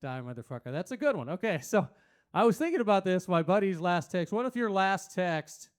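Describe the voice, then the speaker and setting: Guy doing stand-up on a small stage, crude rambling bits, smooth clear voice, kinda high. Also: sing-song, a little fast. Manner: crude, rambling, talks to the crowd; puts on loud silly voices for quotes. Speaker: stand-up comedian. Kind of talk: stand-up comedy set.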